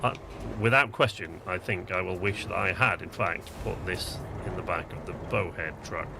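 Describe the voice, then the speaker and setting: A man's voice: low-pitched, moderate pace, vocal fry. A man hosting a co-op game livestream, talking casually and rambling as he plays. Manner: chatty, rambling, thinks aloud. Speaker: livestream host. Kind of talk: casual gameplay commentary. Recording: noisy stream audio with game sounds.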